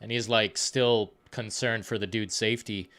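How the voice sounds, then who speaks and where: A man hosting a live stream, chatting casually about films in a rambling, profane, excitable way. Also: on the low side, moderate pace.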